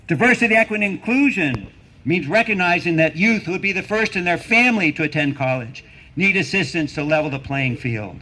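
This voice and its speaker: A middle-aged or older man giving a rally speech as a professor, emphatic and deliberate, building on repeated phrases and rhetorical questions. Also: a little high, lively intonation, pushed and bright, slight background noise, poor audio. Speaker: university professor speaking at a rally.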